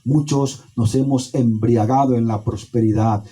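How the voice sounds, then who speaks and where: A man preaching a sermon as pastor, with emphatic pauses and repetition. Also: medium pitch, fairly even intonation, dark tone, slightly rough, poor audio.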